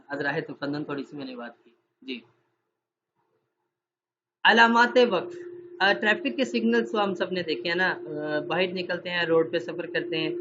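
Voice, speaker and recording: A man teaching an online Quran recitation class with a dry throat from fasting. He explains through examples and asks his students questions. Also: high-pitched. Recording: dull, slightly noisy online call audio.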